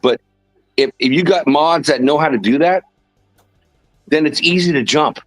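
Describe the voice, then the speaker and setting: A man's voice: a little high, moderate pace, dry recording, soft background music, low-quality recording. An older man on a casual podcast panel who rambles and repeats himself for emphasis.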